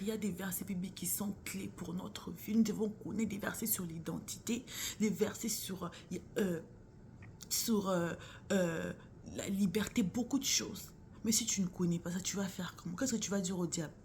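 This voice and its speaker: Her medium-pitched voice has a darkish tone and a moderate pace as this woman earnestly talks faith with her viewers, calling them sister or bro. She's casual and often slips into a near whisper. A little hiss or hum is audible.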